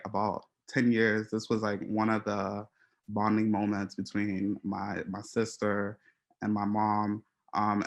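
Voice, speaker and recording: A man from Haiti giving an artist talk about his photographs, speaking in a hesitant, reflective way with many pauses and restarts. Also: lowish voice. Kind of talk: presenting slides to an audience.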